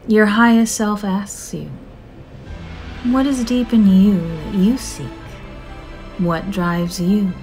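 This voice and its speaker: With soft music behind her, a woman with a lowish voice narrates a scripted guided meditation, drawing out her phrases in a gentle, measured and soothing way.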